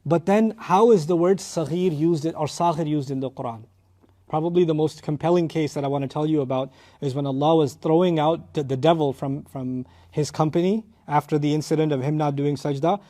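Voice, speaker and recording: A man giving a tafsir lecture, explaining Arabic grammar with animated rises in emphasis, on a lapel mic. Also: a little high, fairly quick. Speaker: Quran teacher.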